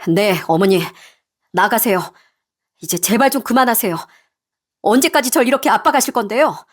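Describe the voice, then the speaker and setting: A woman's voice: on the high side, lively intonation, fast. A woman voicing a grown son who coldly and wearily tells off his mother in a storybook tale. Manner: cold, firm, weary. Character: fed-up adult son, cold and firm. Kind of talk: storybook narration with acted voices.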